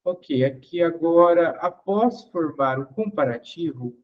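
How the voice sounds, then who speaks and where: A man's voice: fairly high pitch, expressive, a little slow, muffled recording. A man teaching English grammar in an online class. He explains patiently, asks the class questions and repeats each example.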